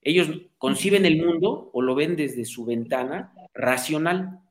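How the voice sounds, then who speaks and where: A man's voice: on the high side, animated, unhurried. Man explaining like a teacher. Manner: didactic, asks "¿sí?" for agreement, acts out quoted people. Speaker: guest psychologist and coach. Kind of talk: explanatory interview talk.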